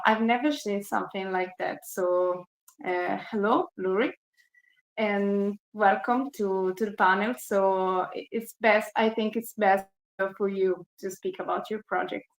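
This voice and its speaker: A woman hosts an online panel through a video call. Her voice has a middling pitch and sounds roomy and echoey. She pauses often to search for the right words. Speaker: panel moderator. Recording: echoey room.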